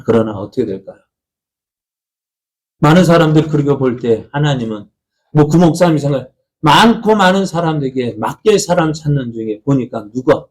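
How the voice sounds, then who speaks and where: Korean pastor preaching a sermon. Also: male voice, expressive, normal speed. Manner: asks the congregation questions and answers them himself; pitch and loudness rise and fall widely between phrases. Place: church sanctuary.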